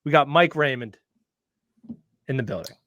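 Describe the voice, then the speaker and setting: A man's voice: medium pitch, expressive, sharp tone, no echo, clean studio sound. A man hosting a podcast in casual chat, joking and self-deprecating, with what he calls a whiny comedian voice. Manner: jokey, self-deprecating, quick laughs. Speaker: podcast host.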